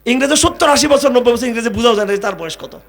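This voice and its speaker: A man delivers a fiery sermon in a strikingly high voice. He scolds his listeners with rhetorical questions and often breaks into shouting. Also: expressive, racing. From Bangladesh. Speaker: Islamic preacher.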